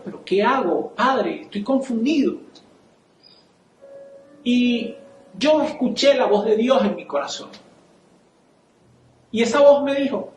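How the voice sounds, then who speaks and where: A man's voice: very high voice, roomy sound, slight background noise, low-quality recording. A man with a Venezuelan accent giving a sermon testimony, telling a story and acting out the dialogue with animation. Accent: Venezuelan Spanish. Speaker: church speaker. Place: church.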